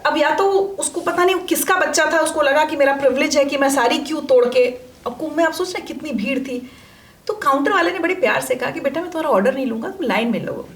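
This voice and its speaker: A middle-aged woman, an interview guest, telling her stories with animated emphasis in a conversational interview. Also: high voice, echoey room. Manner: animated, emphatic storytelling, acts out quoted voices. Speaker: interview guest, media personality.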